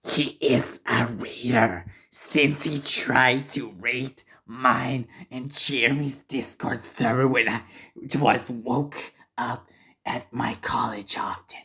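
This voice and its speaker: A man doing a mocking impression of a woman reading an exposé aloud, in a breathy half-whisper that stumbles over the words. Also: mid-range voice, fairly even intonation, slow pace, sharp tone, exaggerated voice.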